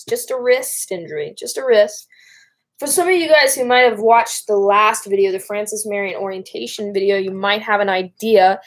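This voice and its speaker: A young woman live-streamer with a Michigan, Great Lakes accent talks off the cuff. Her voice sits at an average pitch for a woman. She rambles casually, breaking off to address whoever is watching. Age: young adult.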